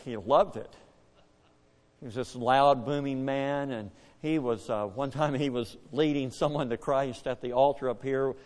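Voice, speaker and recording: Animated older preacher in echoey church. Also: male voice, measured pace. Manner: animated, swings from hushed to booming. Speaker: pastor. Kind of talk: storytelling sermon.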